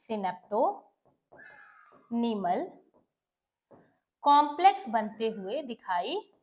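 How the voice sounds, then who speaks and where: A woman giving a bilingual lesson, explaining step by step and answering her own questions as she switches between Hindi and English terms. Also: sits high. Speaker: teacher. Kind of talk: bilingual classroom lecture.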